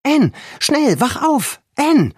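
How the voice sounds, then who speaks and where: A man's voice: a little high, big pitch swings, measured pace, breathy edge, no room sound, clean studio sound, voice pushed up, full character voice. A man doing a fierce, proud tomboy girl. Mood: urgent. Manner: rising sharply to urgent shouting when alarmed.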